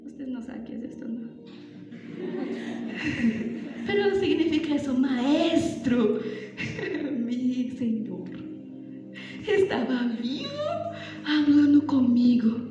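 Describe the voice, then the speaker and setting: At a women's congress in a large church hall, a woman preacher delivers a first-person sermon as Mary Magdalene, a devoted and awestruck disciple, telling it emotionally and dramatically with exclamations. Her high-pitched voice moves slowly with long pauses. The dull audio echoes through the hall over background music.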